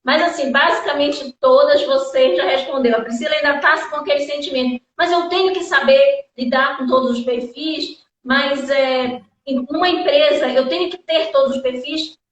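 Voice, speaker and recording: Woman hosting a live chat, pretty high voice, gushing and rambly, echoey, kinda far off and muffled. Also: steady tone, moderate pace. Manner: effusive, thankful, rambling. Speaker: live-stream host. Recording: echoey, distant, dull sound.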